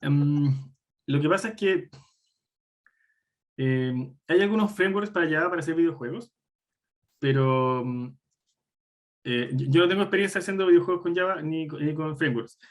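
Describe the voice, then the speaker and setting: A man's voice: on the high side, normal speed, long pauses. A man, speaking as a guest lecturer who answers audience questions bluntly, with wry asides and many fillers. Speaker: guest lecturer on game development. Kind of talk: live online talk answering audience questions.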